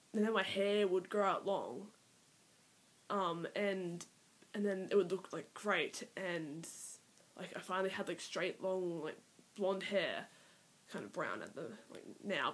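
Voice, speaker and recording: In her very first vlog, a nervous nineteen-year-old Australian woman rambles at her camera with plenty of fillers, now and then dropping to almost a whisper. Her voice is lowish with a fairly bright tone, and the iPad's built-in mic gives a low-quality recording.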